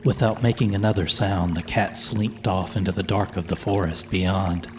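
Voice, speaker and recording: Very deep-voiced male horror storyteller. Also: fairly even intonation, normal speed, noisy background. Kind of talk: scripted horror story narration. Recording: music playing under the voice.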